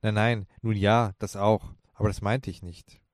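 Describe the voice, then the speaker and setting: Brisk tough young woman voiced by a man, storybook character, low voice, dry sound. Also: flat delivery, no room sound, close to an everyday voice.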